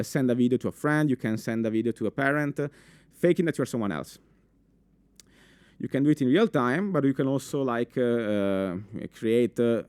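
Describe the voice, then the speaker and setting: Speaking at medium pitch with no echo, this young conference speaker has an Italian accent. His live talk before a full room is lively, full of fillers and false starts, and he keeps asking the crowd questions.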